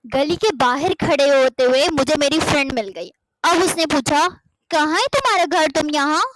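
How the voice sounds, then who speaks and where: A woman teaching an English grammar lesson in Hindi, slowly drawing out each English example sentence and then translating it, often calling her students "beta". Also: sits high, slight background noise, rough recording. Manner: addresses listeners as "beta", keeps checking with "theek hai". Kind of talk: classroom-style grammar lesson.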